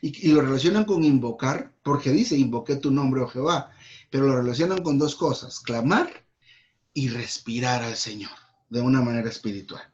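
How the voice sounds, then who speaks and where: A man with a Guatemalan accent leading a church Bible study, reading verses and explaining them slowly, repeating key words for emphasis. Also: medium pitch, darkish tone. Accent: Guatemalan Spanish. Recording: dull lo-fi recording.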